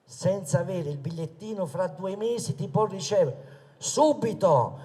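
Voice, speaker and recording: High-pitched man speechifying, long reverb. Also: animated, a little slow, mellow. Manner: emphatic, indignant, rhetorical questions and repetitions. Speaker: political speaker at a rally. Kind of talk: impassioned political stump speech. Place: outdoor public rally in a town square. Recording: long reverb of public-address sound in square.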